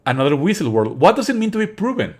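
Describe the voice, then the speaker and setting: This man's voice is a little high, sing-song, and darkish in tone. He's livestreaming relaxed game commentary, scornful and opinionated, with swearing and hesitant explanations full of repeated phrases.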